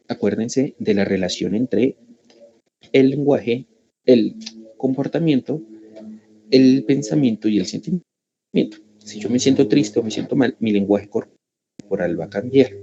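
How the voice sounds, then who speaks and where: A man's voice: mid-range voice, dark tone, highs cut off, slight background noise. A man with a Colombian Spanish accent giving a workshop talk to parents, explaining step by step and often checking in with "¿cierto?" and "¿sí?". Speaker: school family workshop speaker.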